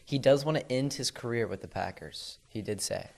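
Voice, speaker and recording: A man's voice: mid-range voice, fairly quick, vocal fry, darkish tone. A young man in casual sports chat, giving opinionated takes and hedging often. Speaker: co-host.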